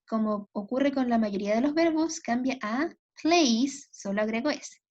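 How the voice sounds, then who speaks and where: A woman with a Latin American Spanish accent teaches grammar at an unhurried, deliberate pace. Her voice sits a little high, and she repeats each point in two languages. The recording is muffled and lo-fi, like a computer mic. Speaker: English teacher. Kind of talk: bilingual grammar lesson. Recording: dull lo-fi computer audio.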